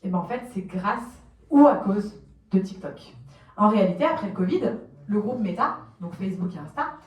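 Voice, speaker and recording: A French woman giving a lively conference talk, explaining plainly, asking the audience questions and acting out quotes. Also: mid-range voice, moderate pace, muffled recording. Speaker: conference speaker on social media marketing. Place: conference room, recorded from a distance. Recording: roomy, distant conference recording.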